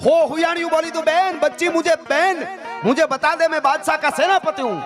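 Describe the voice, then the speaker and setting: A man's voice: extremely high pitch, steady tone, brisk, over music, pitched above the performer's own voice. A man playing a stern, commanding army general in a live folk story performance. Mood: pleading.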